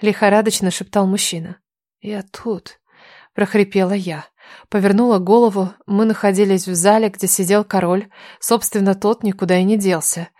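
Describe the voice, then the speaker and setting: A woman reading a first-person story aloud in steady scripted narration. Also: mid-range voice, a little fast, no room sound, studio quality. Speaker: audiobook narrator.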